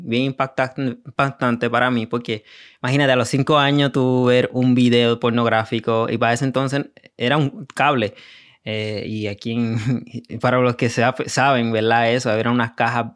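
A Puerto Rican man speaks as an interview guest, his voice sitting in an ordinary middle pitch. He tells his story haltingly, leaning on fillers and tag questions as he goes. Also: clean tone. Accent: Puerto Rican Spanish. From Puerto Rico. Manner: hesitant, many fillers and tags. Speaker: guest, recovery coach.

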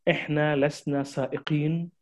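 A man's voice: on the high side, little pitch movement, brisk, darkish tone. A man gives a marketing lecture, addressing his audience directly with urgent, repeated exhortations. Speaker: marketing trainer.

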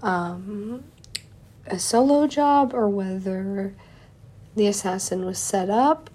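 A young woman with a medium-pitched, mellow voice hosts a casual solo podcast, speaking slowly. She's slightly congested from a cold and chatty, with plenty of fillers.

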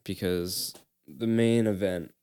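A man's voice: deep voice, takes it slowly, mellow. A young man hosting a podcast, chatting casually in a laid-back, joking way with frequent fillers and restarts. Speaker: podcast host. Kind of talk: casual chat.

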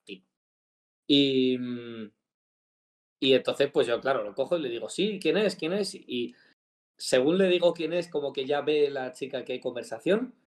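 A man's voice: mid-range voice, unhurried, long pauses. A man chatting casually as a podcast co-host, retelling a story with jokes. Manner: storytelling, jokey, animated retelling of a phone call. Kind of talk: casual chat.

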